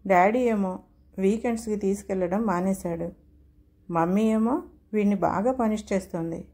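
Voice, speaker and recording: A woman's voice: mid-range voice, moderate pace, warm tone, natural voice. A woman voicing a little boy who is tearful and worried about his parents. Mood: childlike tearful. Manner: sobbing childlike pleading.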